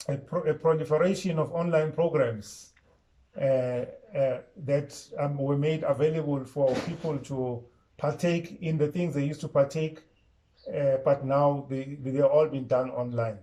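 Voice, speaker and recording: A male teacher leads an online class, walking students step by step through a grammar lesson and quizzing them as he goes. His voice sits a little high for a man and has a mellow, dark tone. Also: rough recording. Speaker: Islamic studies and Arabic teacher.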